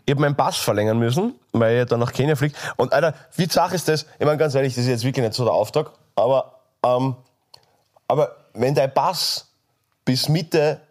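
A young man with an Austrian German accent, co-hosting a podcast and telling stories in a casual, animated way with frequent laughs. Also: mid-range voice. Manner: animated storytelling, laughing often. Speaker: podcast co-host. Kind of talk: casual chat.

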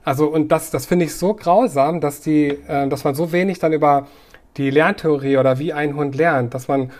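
A man's voice: fairly high pitch, fairly even intonation, normal speed, darkish tone. A man, a dog trainer and podcast guest, explaining his views thoughtfully at length, with fillers and restarts. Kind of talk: conversational podcast interview.

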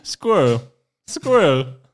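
A male comedy podcaster chatting loosely with friends. His pitch moves a lot, and his teasing keeps breaking into laughter. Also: big pitch swings, very slow, heavy background noise. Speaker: podcast co-host. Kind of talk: casual chat.

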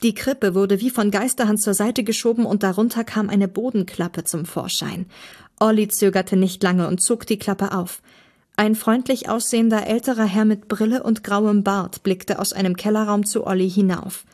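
A woman's voice: medium pitch, steady tone, moderate pace, a little mellow. Young woman reading a story aloud. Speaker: narrator, author and reader.

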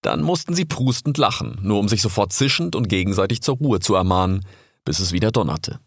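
A man calmly narrating a storybook aloud. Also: on the low side, brisk, breathy edge, dry recording, clean studio sound. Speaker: audiobook narrator.

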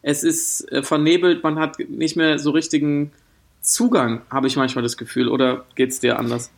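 A man with a gravelly, slightly raised voice co-hosts a relaxed podcast chat. He talks in long, searching sentences and keeps breaking off to rephrase. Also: a little high, moderate pace. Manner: thoughtful, wordy, with frequent restarts and laughs. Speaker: podcast co-host. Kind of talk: casual podcast conversation.

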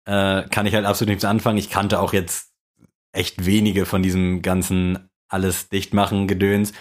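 A young man co-hosting a podcast, rambling along in relaxed, colloquial chat. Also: low-pitched, normal speed. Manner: laid-back, rambling, with colloquial slang. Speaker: podcast co-host. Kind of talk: casual chat.

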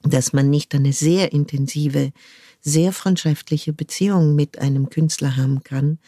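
An older French woman, a cultural manager appearing as a guest, reflects in a conversational interview. Her low, mellow voice weighs each phrase, often pausing to search for words. The recording is close and dry, with no echo or room sound.

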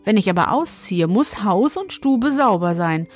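A woman's voice: medium pitch, animated, a little slow, faint music behind. Storybook old woman, stern and commanding but kind underneath, voiced by a woman narrator. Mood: firm. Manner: firm, commanding. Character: mysterious old woman, stern yet kindly.

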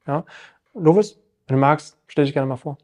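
A man's voice: a little high, moderate pace, darkish tone. A man hosting a health coaching podcast, asking friendly questions and summarizing his guest's answers. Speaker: podcast host and nutrition coach.

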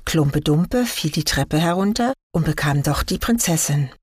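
Low husky woman reading a fairy tale. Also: no room sound, clean studio sound. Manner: calm, measured storytelling. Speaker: story reader. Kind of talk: fairy tale read-aloud.

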